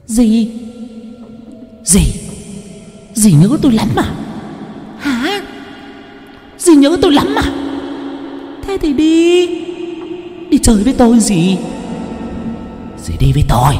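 A man's voice: very high-pitched, sing-song, takes it slowly, pauses often, dark tone, reverberant, big-room sound, faint music behind, voice pushed up, exaggerated voice. A man voicing a vengeful young female ghost of a hanged girl, taunting in a teasing sing-song. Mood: mocking.

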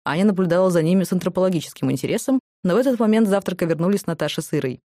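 Low-voiced woman reading an audiobook. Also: very fast, dark tone, dry recording. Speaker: audiobook narrator. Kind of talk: scripted audiobook narration.

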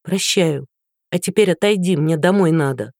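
A woman voicing a sharp-tongued, scornful young woman who answers with biting mockery. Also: lowish voice, moderate pace, dry recording, studio quality. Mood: mocking. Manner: mocking, biting.

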